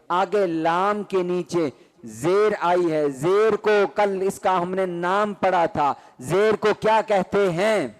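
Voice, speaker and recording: A man teaching a Quran recitation class, asking questions and having students repeat terms in rhythm. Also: sits high. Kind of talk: classroom call-and-response lesson.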